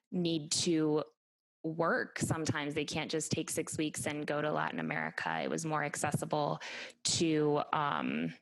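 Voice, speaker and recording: A woman with a notably low voice talks through her organization's work on a video call. Her delivery is thoughtful and full of pauses and fillers. The sound is dry and close. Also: no room sound, rough recording. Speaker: nonprofit staff member.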